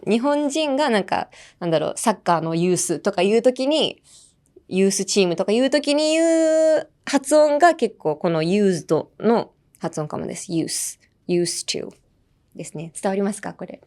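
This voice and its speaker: A young woman hosts a pronunciation lesson in an easy, bubbly way. She repeats each word slowly for practice and laughs between points. Her voice sits mid-range but jumps up and down a lot. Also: medium pitch, darkish tone. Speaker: English pronunciation teacher and host.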